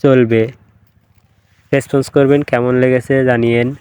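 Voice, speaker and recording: Slow, smooth-voiced male story narrator. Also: mid-range voice, little pitch movement, darkish tone, dry recording. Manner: slow, measured, voicing each character's dialogue.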